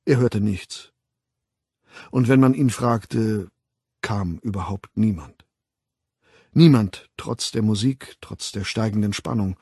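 Male audiobook narrator, measured and dramatic, breathy tone, dry close recording. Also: on the low side, a little mellow, dry recording.

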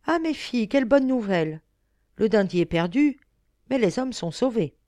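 A woman's voice: on the high side, normal speed, dry recording, clean studio sound, voice pushed up, lightly acted. A woman reading the part of an old father, exclaiming with joy and relief. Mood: overjoyed. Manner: excited, exclaiming.

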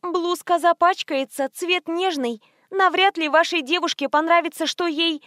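A woman voicing a chatty, frightened young female shop assistant in an audiobook, talking in a high, eager flutter. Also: fairly even intonation, moderate pace, a bit bright, no echo, clean studio sound. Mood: nervously eager. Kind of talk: audiobook reading.

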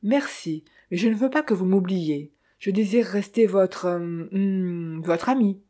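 A narrator voicing a polite, gallant young gentleman in a storybook reading. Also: mid-range voice, measured pace, lightly acted. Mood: courteous.

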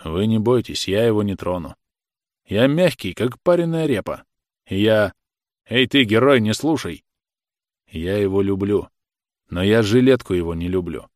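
A man voicing a gruff young workman who talks in a blunt, sardonic, teasing way. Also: fairly low pitch, expressive, a little slow, long pauses, a little mellow, dry recording, studio quality. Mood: mocking.

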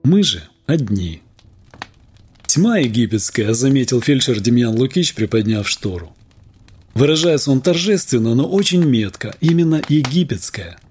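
Man reading a story out loud, really expressive, voice swings a lot, soft music in the back. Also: mid-range voice, moderate pace, breathy edge. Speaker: audiobook reader. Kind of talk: scripted literary narration.

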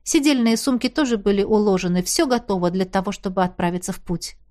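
A woman's voice: mid-range voice, fast, darkish tone. A woman reading a fantasy romance audiobook in the first person, with an emotional, urgent manner. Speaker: audiobook narrator.

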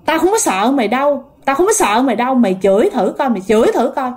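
A woman's voice: high voice, animated, fast talker, a little mellow. A woman voicing an angry neighbor woman who scolds a girl defiantly. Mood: scolding.

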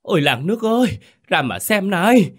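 A man voicing an old villager who shouts in a shrill, cracking voice from terror. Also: very animated, normal speed, breathy edge, full character voice. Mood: terrified.

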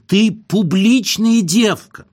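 A man's voice: a little high, animated. Lokhankin, a man doing a nasal self-pitying husband. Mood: whining tirade. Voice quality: nasal, whining drawl. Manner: slow melodramatic wailing, overwrought declaiming. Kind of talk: comic audiobook reading.

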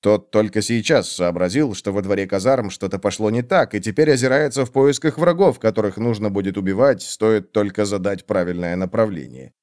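A man narrating a fantasy audiobook with an expressive reading. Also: on the low side, brisk, few pauses.

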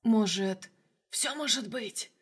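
A woman's voice: fairly high pitch, slow, slightly rough, exaggerated voice. Woman whispering as a sly hissing demon shadow.

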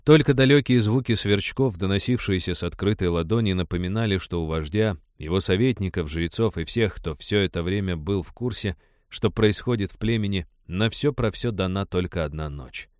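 A man narrating an audiobook in an even storytelling manner. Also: sits low, moderate pace, dry recording, studio quality.

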